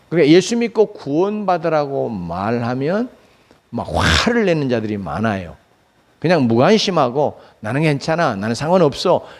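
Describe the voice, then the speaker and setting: Preaching on Sunday in a church sanctuary, a male pastor speaks in a slightly high, somewhat mellow voice. He raises rhetorical questions only to answer them himself, and fillers come often.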